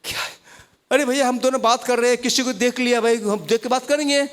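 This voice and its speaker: A man's voice: extremely high pitch, fairly even intonation, fast talker, fairly bright tone. A middle-aged man preaching a fervent sermon as pastor in a church hall, speaking English words with an Indian accent and calling on the congregation to repeat after him.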